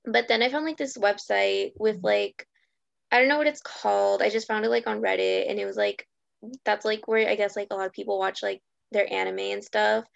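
A woman's voice: medium pitch, vocal fry, dry recording. Young woman podcast co-host, rambling filler-heavy chat, dry close lo-fi recording. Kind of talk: casual chat. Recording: dull lo-fi sound.

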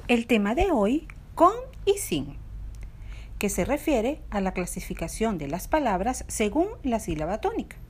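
A woman, a language teacher, giving a scripted podcast lesson in a clear, deliberate way, stressing each example word. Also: on the high side, sing-song, a little mellow, slight background noise.

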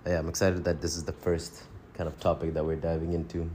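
A man's voice: low-pitched, little pitch movement, fast, warm tone, slight background noise. A man from Tanzania co-hosting a casual podcast over a phone, rambling, restarting his sentences and chuckling between thoughts. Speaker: podcast co-host.

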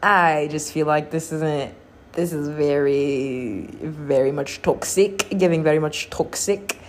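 A young adult woman hosting a solo podcast, rambling casually with lots of fillers, cussing and quick laughs. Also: low-pitched. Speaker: podcast host.

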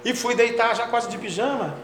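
Male pastor, high-pitched, fervent preacher building to loud climaxes; echoey church room, faint hum. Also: normal speed, crowd noise. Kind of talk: sermon.

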